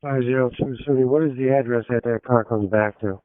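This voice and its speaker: A police officer asking brisk, matter-of-fact questions over a police radio transmission. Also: male voice, mid-range voice, steady tone, noisy background. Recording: dry, narrow scanner radio.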